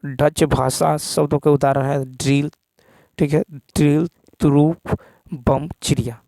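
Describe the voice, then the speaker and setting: A man teaching an exam practice lesson, reading out questions and answers and repeating each key point slowly. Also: fairly high pitch, fairly even intonation, creaky, warm tone, dry recording.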